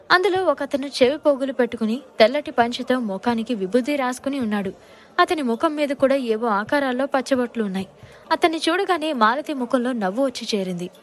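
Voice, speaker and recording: A woman narrator telling a dramatic audio story in scripted, storytelling delivery. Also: a little high.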